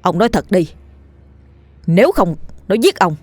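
A woman's voice: fairly low pitch, moderate pace, darkish tone, no echo, lightly acted. A woman voicing a frightened, desperate village man who begs and then turns stern.

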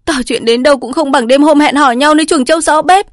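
A woman doing a jealous village wife, shrill, screaming, very high and loud, dry storybook reading. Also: fast, dry recording, lightly acted. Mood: tearful indignant. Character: jealous peasant wife, shrieking and furious.

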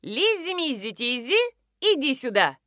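A courteous, pedantic professor from an audiobook, as a woman narrator puts him on. He speaks delicately and in a bookish way, dry and close, with a lively melody. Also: a little high, normal speed, no echo. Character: polite pedantic male professor, the narrator's husband.

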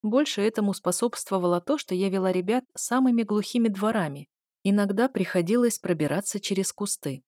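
A woman reading an audiobook aloud, telling a first-person story in a lively way and voicing the dialogue. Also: mid-range voice, fairly quick, no echo, studio quality. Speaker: audiobook narrator. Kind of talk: audiobook narration.

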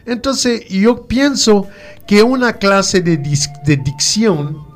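French-native male teacher, slow and deliberate, fairly high voice, letter-by-letter drills, faint music bed. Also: lively intonation. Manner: slow, repeats letters and words for pronunciation drills. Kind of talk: radio French lesson.

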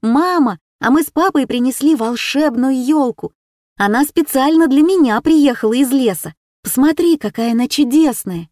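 A woman reading aloud voices an eager, wondering little girl with excited childlike questions. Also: a little high, normal speed, few pauses, no room sound, studio quality. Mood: delighted.

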